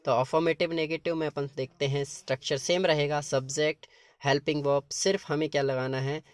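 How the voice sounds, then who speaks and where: A man's voice: on the high side, flat delivery, fairly quick, smooth. A male teacher explaining grammar patiently, step by step, in a classroom-lesson style. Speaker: English teacher.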